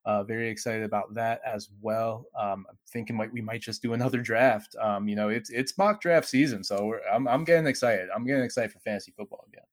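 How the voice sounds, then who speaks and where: A man co-hosting a fantasy football podcast, talking casually and haltingly with many uhs. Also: lowish voice, no room sound, clean studio sound. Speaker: podcast co-host.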